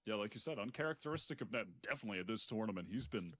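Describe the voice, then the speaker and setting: A man casting an esports match with measured, analytical play-by-play commentary. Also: on the low side, expressive, a bit bright. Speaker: esports caster.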